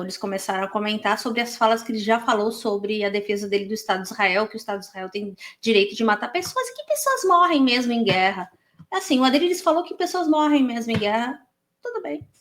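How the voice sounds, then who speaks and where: A woman's voice: a little high, animated, fast, fairly bright tone. Heated Brazilian woman reacting to a clip. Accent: Brazilian Portuguese. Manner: indignant, heated, many restarts and fillers. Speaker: reaction channel host. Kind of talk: reaction commentary on a podcast clip.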